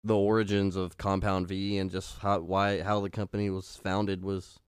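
Low smooth-voiced man, casual and profane. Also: little pitch movement, normal speed, dry recording, clean studio sound. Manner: loose, profane, says "bro" a lot. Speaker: podcast co-host. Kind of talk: casual chat.

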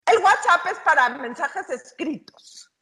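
A Mexican woman co-hosts a casual podcast. Her high voice swings up and down with a bright edge. She teases playfully and laughs as she speaks. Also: animated, takes it slowly. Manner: playful, teasing, laughs while talking. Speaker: podcast co-host. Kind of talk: casual chat.

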